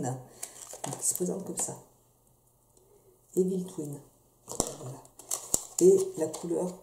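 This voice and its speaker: A woman's voice: fairly low pitch, warm tone. A woman casually reviewing beauty products at home, chatty and hesitant, with many fillers and restarts. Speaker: beauty vlogger. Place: home room. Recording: echoey room with faint noise.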